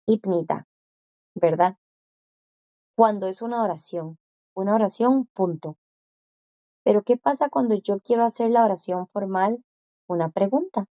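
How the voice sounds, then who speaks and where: A woman teaching a class, explaining patiently and repeating words slowly for her students to copy. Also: medium pitch, dark tone, dry recording, dull audio. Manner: slow, careful pronunciation drills with repetition. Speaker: Korean language teacher.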